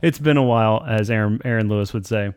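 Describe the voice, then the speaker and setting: A man's voice: lowish voice, fast, a little mellow, smooth, dry recording, clean studio sound. A man co-hosting a casual comedy podcast, telling crude stories and mimicking people. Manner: profane storyteller, mocking voices. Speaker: podcast co-host.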